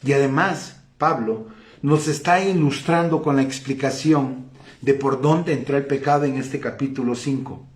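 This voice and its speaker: A man's voice: medium pitch, normal speed, roomy sound. A middle-aged man, preaching a sermon emphatically and telling personal stories. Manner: emphatic, storytelling with quoted voices. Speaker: pastor. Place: church hall.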